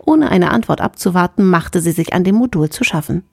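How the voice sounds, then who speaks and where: A woman narrating a science fiction audiobook in a clear, even storytelling manner. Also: on the low side, brisk, no room sound, clean studio sound. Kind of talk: scripted narration.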